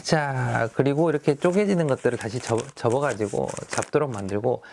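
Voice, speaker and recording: A man's voice: mid-range voice, lively intonation, fast, a little mellow, slight background noise. A middle-aged male teacher who talks through classroom activities in a friendly, explaining way, often starting with fillers.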